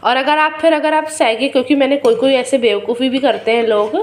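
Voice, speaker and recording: A woman's voice: sits high, steady tone, a little fast, slight background noise. A middle-aged woman with a sore throat hosts a casual cooking video, chatting to viewers as friends and explaining each step.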